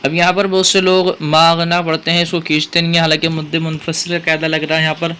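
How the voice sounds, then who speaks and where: A man with a Pakistani Urdu accent teaching Quran recitation rules, explaining each point and chanting verses slowly. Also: fairly high pitch, level tone, pushed and bright, clear, resonant tone. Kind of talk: tajweed lesson with chanted recitation.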